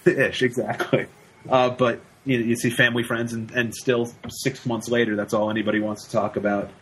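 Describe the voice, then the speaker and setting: A man's voice: mid-range voice, level tone, normal speed, a bit bright, husky, rough recording. A young man, a university student, talking as a guest on a casual podcast, often repeating words as he searches for what to say. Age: young adult. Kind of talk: casual conversational interview.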